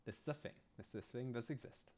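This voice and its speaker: A slightly hoarse man who is losing his voice, thinking aloud in a halting, self-muttering way as he works through scripts on a live stream. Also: mid-range voice, a little mellow. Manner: halting, restarting, muttering to himself. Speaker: game modder live streaming.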